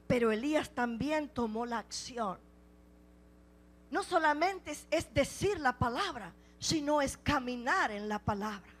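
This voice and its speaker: A woman preaches a passionate sermon in a high voice, firing off rhetorical question after rhetorical question and swinging between loud exclamations and hushed passages.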